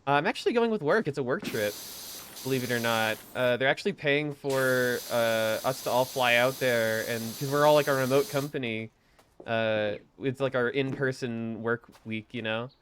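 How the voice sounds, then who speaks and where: A man's voice: medium pitch, moderate pace, fairly bright tone, slight background noise. Chatty laid-back male streamer. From Colorado, USA. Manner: chatty, laughs easily, reads chat aloud. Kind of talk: casual live-stream chat.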